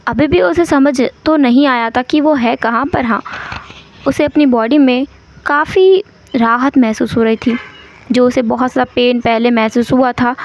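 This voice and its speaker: High-voiced woman retelling a story. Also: muffled recording. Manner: casual, conversational retelling. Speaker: story narrator.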